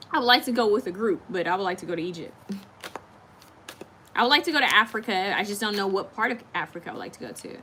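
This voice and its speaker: With slight background noise behind her, a woman in her thirties speaks in a mid-range, sharp-toned voice. She casually livestreams, voicing viewer comments, drawing oracle card messages, and often restarting sentences.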